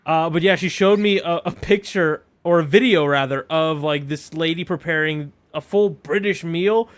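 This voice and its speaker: A man streaming a video game, chatting casually with animated, joking mock outrage. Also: fairly high pitch, normal speed.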